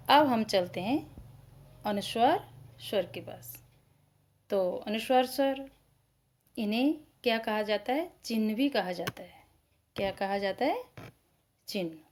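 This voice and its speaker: A woman teacher gives a lesson to young children, speaking slowly and carefully. She pronounces each sound distinctly, asks the class questions and answers them herself. Her voice sits at a medium pitch. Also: darkish tone. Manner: slow, spelled-out pronunciation.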